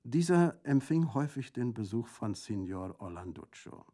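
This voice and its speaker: A man's voice: medium pitch, very animated, normal speed, dark tone. A man playing a cool ironic bandit. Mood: wry. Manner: dry, ironic storytelling. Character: cool, witty middle-aged male bandit. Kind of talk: audiobook reading.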